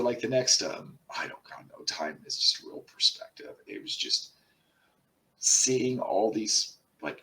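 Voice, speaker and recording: A man with a fairly low voice, talking off the cuff in a loose, halting way and cursing freely. He sits a little back from the microphone, so he sounds slightly distant. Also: pushed and bright. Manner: profane, rambling, halting with many fillers. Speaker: channel host. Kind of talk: casual personal storytelling.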